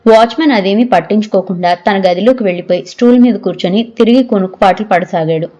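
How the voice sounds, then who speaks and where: A woman's voice: mid-range voice, fast, mellow. A woman narrating a novel as an audiobook, reading the dialogue of each character in a lightly voiced way.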